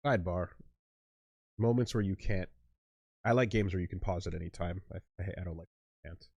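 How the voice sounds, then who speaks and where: A man's voice: deep voice, a little fast, vocal fry, a little mellow, no echo, highs cut off. A man hosting a let's play, chatting casually about games in an emphatic, opinionated, sweary way. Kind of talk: casual gaming chat.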